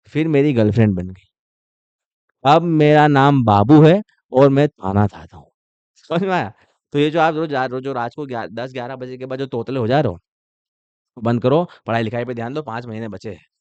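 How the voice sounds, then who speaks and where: A man's voice: mid-range voice, no room sound, lo-fi sound. A man teaching company law in a joking lecture style, teasing the class and firing off rhetorical questions.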